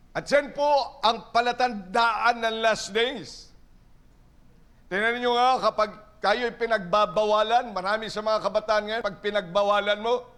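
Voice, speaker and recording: High-voiced pastor preaching a sermon. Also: male voice, sharp tone. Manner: mixes preaching with playful asides to the congregation. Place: church.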